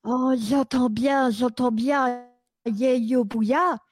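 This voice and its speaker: A woman in an improvised comedy sketch voicing a grandly confident love adviser, with drawn-out pronouncements and the slurred speech of someone wearing braces. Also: on the high side, steady tone, dry recording. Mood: grandly assured.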